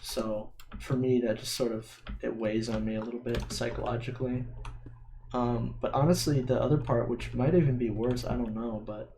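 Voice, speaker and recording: A man's voice: medium pitch, fairly even intonation, moderate pace, dark tone, slight background noise. A young man with a slight lisp on his S sounds, chatting casually and hesitantly while he plays a video game. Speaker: vlogger playing a video game. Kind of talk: casual rambling chat while gaming. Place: dim room at home at a computer. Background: keyboard and mouse clicking.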